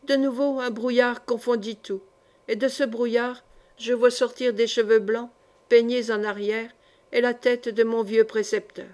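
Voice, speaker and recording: Woman narrating an old story, measured and dramatic, kinda high voice. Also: little pitch movement, a little mellow. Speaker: audiobook reader. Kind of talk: literary narration.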